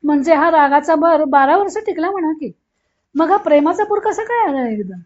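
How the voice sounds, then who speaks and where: A woman reading the part of a sharp-tongued, teasing older aunt who talks bluntly and scolds, in a dull lo-fi recording. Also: sits high, lively intonation, normal speed. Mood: scolding.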